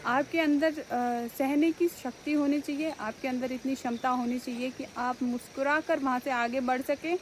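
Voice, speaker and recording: A woman's voice: high-pitched, fairly even intonation, moderate pace, few pauses, slight background noise, rough recording. A young woman answering viewer questions in a casual vlog, earnest and grateful as she reflects. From India. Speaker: village head and vlogger.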